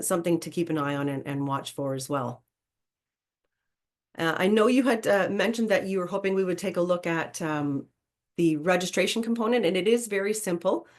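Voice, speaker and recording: A woman, giving an informal explanatory presentation as a program presenter. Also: fairly low pitch.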